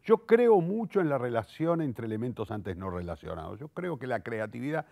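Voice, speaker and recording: Creaky and mellow, this medium-pitched voice is very animated and moves at a moderate pace, with no room sound. It belongs to a man in his sixties, a playwright, director and theatre teacher with a Rioplatense Argentine accent, who speaks reflectively and eloquently in an interview, self-correcting and repeating words as he searches for what to say next.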